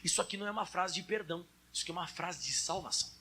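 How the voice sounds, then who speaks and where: A man's voice: sits high, racing, bright, forceful tone, slightly rough. A Brazilian man preaching a sermon in a conversational way, speaking straight to his congregation. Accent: Brazilian Portuguese.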